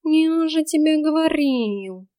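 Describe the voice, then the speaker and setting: A lazy, chatty tomcat from a storybook, put on by a woman narrator, whining and grumbling in a sleepy drawl. The voice sits up high and sounds pinched and unlike her own. It is recorded close and dry, with no room sound. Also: expressive, slow pace, mellow, dry recording. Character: lazy talkative male house cat, grumbling.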